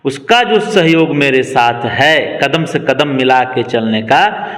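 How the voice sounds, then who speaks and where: A man's voice: medium pitch, expressive, takes it slowly, a bit bright. A man in his twenties, a local party worker, speaking emphatically in a political interview. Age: 20s. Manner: emphatic, rallying speech cadence. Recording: long reverb.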